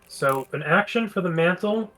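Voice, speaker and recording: A man's voice: sits high, lively intonation, moderate pace, music in the background, low-quality recording. A man playing a tabletop game, thinking aloud as he plans his turn and explains the rules. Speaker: player.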